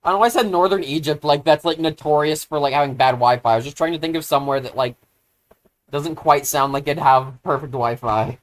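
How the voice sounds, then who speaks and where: A streamer talks through a co-op game in loose, rambling chatter, full of fillers and restarts. They often poke fun at their own fumbling and burst into loud, excited exclamations. The voice sits at an ordinary middle pitch. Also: a little fast. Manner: rambling, filler-heavy, self-deprecating. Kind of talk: casual live-stream gaming chatter.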